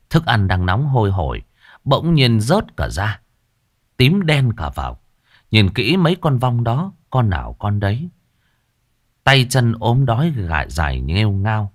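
A man narrating a ghost story in a dramatic, expressive way. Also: on the low side, no room sound, studio quality.

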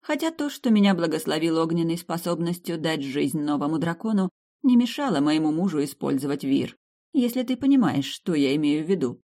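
A guileless young countess of dragon blood speaks softly and openly, a little shy, as a woman reader puts her on. Her voice sits higher than the reader's own low, mellow tone, and she talks with fond candor in an audiobook. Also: big pitch swings, brisk. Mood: proud.

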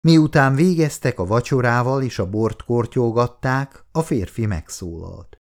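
A man reading an audiobook aloud with an expressive, animated delivery. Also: mid-range voice. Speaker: audiobook narrator.

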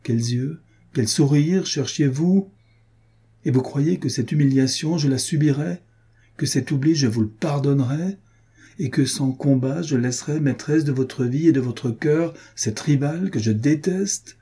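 A man voicing a jealous, passionate noblewoman in an audiobook reading, raising his pitch as she pleads and rages. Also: a little slow, dark tone, husky. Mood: reproachful. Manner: pleading then bitter, vengeful. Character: jealous, passionate noblewoman scorned by her lover.

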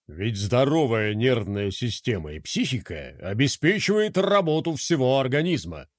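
A man voicing a clucking pet creature that suddenly speaks in a deep, trained bass with a measured, lecturing delivery. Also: sing-song, no room sound, clean studio sound, close to an everyday voice. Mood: solemn.

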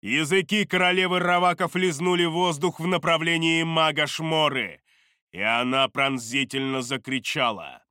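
A man narrating a dark fantasy audiobook in a measured, deliberate way on a close studio mic. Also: fairly high pitch, clear, resonant tone, no room sound.

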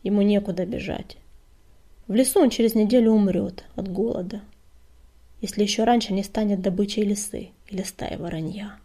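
A woman's voice: mid-range voice, fairly even intonation, normal speed, mellow, natural voice. A woman voicing a weary old female healer cat who speaks plainly and steadily in a storybook reading. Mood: steady.

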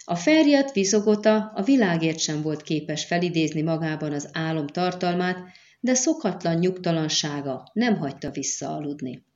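A woman reading a fantasy novel aloud in a measured, even narration. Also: low-pitched, dull audio. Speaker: audiobook narrator.

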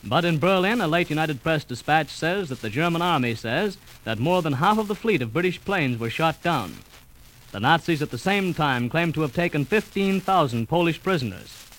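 A man reading a 1939 radio news bulletin in a formal, measured way. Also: on the high side, animated, fairly bright tone, a little hiss or hum, low-quality recording. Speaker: news announcer.

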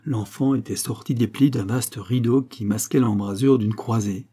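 Mellow male audiobook narrator. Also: lowish voice, fairly even intonation, breathy edge. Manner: measured, dramatic reading. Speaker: audiobook reader. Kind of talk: scripted narration of a classic novel.

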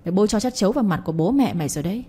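A woman voicing an older father who is ashamed of his daughter, taking a lower voice. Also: animated, very fast, warm tone, husky. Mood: raging. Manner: begging neighbor, then bellowing at daughter. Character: ashamed older father, pleading then raging.

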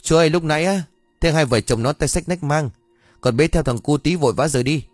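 A man voicing an eager, talkative village neighbor who speaks in a chatty, hurried way. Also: a little high, no echo, clean studio sound, faint music behind, voice pushed up, natural voice.

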